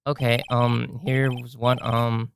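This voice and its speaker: A woman's voice: rumbling low, flat delivery, takes it slowly, gravelly, slight background noise, heavily acted. A woman voicing a dry, sarcastic young male defense lawyer in an amateur fan dub of a video game. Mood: wry.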